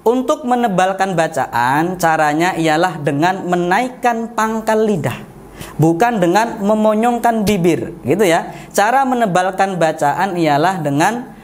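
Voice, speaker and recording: Indonesian guy teaching quran reading, high voice, takes it slow, stretches the sounds out. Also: lively intonation. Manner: slow, deliberate, drawls out example syllables; frequent self-corrections with "eh". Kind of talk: patient step-by-step tajwid lesson.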